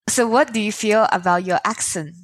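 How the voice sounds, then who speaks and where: A woman's voice: mid-range voice, normal speed, slight background noise. A woman interviewing a guest with short, direct questions.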